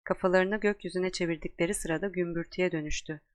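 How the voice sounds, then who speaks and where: A woman with a fairly low voice reads a storybook aloud, steady and measured. The recording is dry and close, with no room sound. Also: no echo. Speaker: audiobook narrator. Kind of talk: scripted narration.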